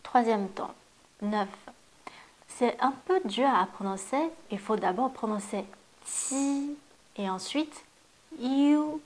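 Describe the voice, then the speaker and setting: A woman's voice: a little high, lively intonation. A woman teaching a language lesson, carefully modeling sounds and explaining them step by step. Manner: slow, careful modeling of pronunciation. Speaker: Chinese teacher. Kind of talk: classroom lesson.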